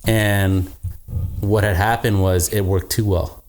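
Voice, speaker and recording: Low-voiced man, podcast host, casual storytelling; blunt, swears freely, laughs through it. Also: steady tone, slow pace, a little mellow.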